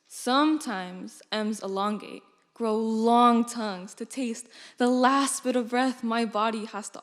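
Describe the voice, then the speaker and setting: A young woman in her late teens reciting a poem with an expressive, flowing delivery. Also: fairly high pitch. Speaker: student reciter. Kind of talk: formal poetry recitation. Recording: long hall reverb.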